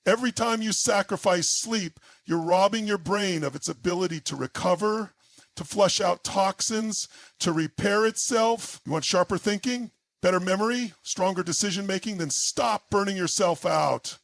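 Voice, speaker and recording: A man delivers a dramatic motivational speech in short, punchy, emphatic bursts. His voice sits high and carries a gravelly rasp. The recording is dry and close, with no room sound. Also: moderate pace, fairly bright tone, dry recording. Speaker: motivational speaker.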